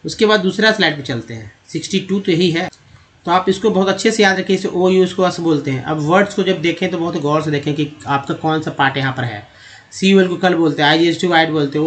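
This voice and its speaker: A man teaching English reading from slides. He spells out letters and sounds out word parts, and he repeats himself often. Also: a little high. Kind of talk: slide-based lesson.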